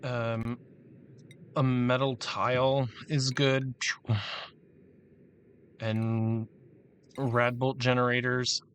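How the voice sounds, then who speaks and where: A man giving casual, halting commentary while he plans a build in a game, thinking aloud with many restarts. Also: medium pitch, little pitch movement, fairly bright tone, slight background noise. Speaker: gameplay commentator.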